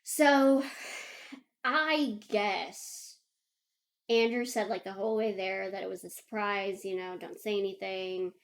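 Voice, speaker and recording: A young woman co-hosts a podcast, telling a story in casual, animated chat at a slow pace and medium pitch. She laughs often and acts out what other people said.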